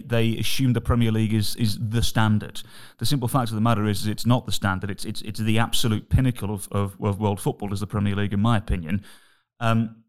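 Croaky English man hosting a sports podcast. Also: medium pitch. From England. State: croaky, hoarse voice, frog in the throat. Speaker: podcast host and football commentator. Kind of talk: casual sports podcast talk.

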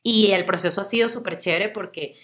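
A woman's voice: medium pitch, fairly quick. A young woman from Venezuela, a guest and actress, chatting casually in an interview and telling stories with quoted voices. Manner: lively storytelling, acts out quoted voices.

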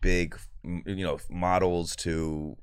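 A man's voice: low-pitched, flat delivery, slow pace, clean tone, no echo, clean studio sound. A man hosting a podcast, chatting and asking curious questions, casual and swearing freely. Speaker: podcast host. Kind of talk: casual chat.

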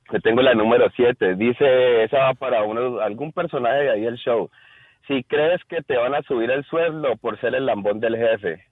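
A man's voice: mid-range voice, normal speed. Colombian guy calling in over a tinny phone line, joking around, talking right at the listeners. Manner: addresses listeners directly, laughing at his own jokes. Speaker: caller. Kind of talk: joking top-ten list over the phone.

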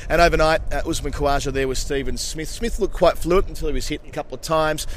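Male cricket host, quick conversational round-up delivery, light background noise. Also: on the high side.

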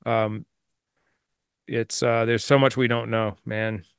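A man co-hosting a podcast, talking casually and reflectively in an earnest, halting way. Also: mid-range voice, level tone, creaky, smooth, dry recording, studio quality. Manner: earnest, halting with repeated words. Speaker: podcast co-host.

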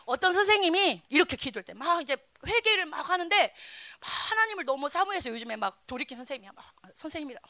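High bright lady preaching to kids, storytelling, jumps loud to soft. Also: fast, few pauses, no room sound. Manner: storytelling, animated with sudden loud and soft swings. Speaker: children's ministry preacher. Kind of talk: sermon to children. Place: church.

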